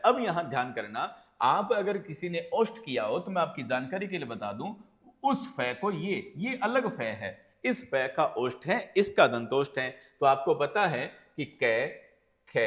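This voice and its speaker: A man's voice: medium pitch, fairly bright tone. A man teaching an exam-prep lecture, explaining step by step and asking and answering his own questions as he goes. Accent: Hindi. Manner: calls listeners friends, often adds "right?".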